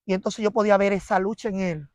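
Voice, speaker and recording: Woman telling her church testimony, animated, acts out the arguments, dry close sound. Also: medium pitch, fast talker, no echo. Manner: animated storytelling, acting out quarrels and prayers. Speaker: interview guest giving a testimony.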